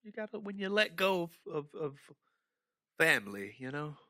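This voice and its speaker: Very sharp, animated American man. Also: a little high, normal speed, dry recording, studio quality. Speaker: podcast co-host. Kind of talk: casual comedic banter.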